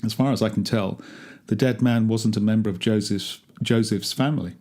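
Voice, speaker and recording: A man with a lowish, darkish, natural voice reads at normal speed, performing a first-person monologue as a grumbling gardener among ancient tombs. The character comes across as wry, chatty and darkly funny.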